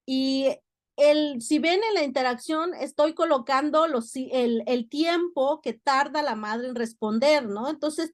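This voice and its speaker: Brief: woman academic, high voice, dry close sound, careful explaining with filler pauses. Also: dry recording. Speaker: university lecturer. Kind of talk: academic lecture.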